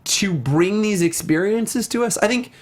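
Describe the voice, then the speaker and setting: His voice sits high and he's unhurried, an enthusiastic co-host telling stories in a chatty manner. The program is a relaxed conversation about video games and film.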